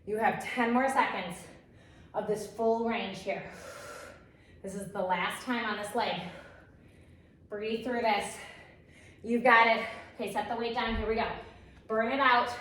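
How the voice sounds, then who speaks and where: In a very reverberant room, a little way from the microphone, a woman leads exercise as an aerobics instructor. Her voice sits on the high side, and she gives short, encouraging, energetic commands. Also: normal speed, long pauses, a little hiss or hum. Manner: encouraging, energetic coaching in short imperative cues. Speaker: fitness instructor leading a workout. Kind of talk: aerobics instructor cueing and counting down. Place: echoey room, exercising while talking. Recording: very echoey room, distant microphone.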